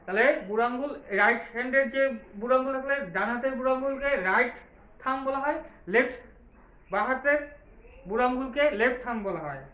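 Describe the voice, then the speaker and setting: A man with a very high voice teaches young children, spelling each word out slowly and repeating it. He asks a question and answers it himself. The room around him sounds echoey and open. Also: pushed and bright, muffled recording. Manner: spells words out letter by letter and answers his own questions; patient, repetitive, slow explaining. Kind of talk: classroom lesson for young children.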